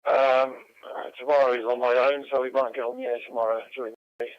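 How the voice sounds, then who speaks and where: Fast-talking man closing a radio over. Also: mid-range voice, level tone, lo-fi sound. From South Wales. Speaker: net caller.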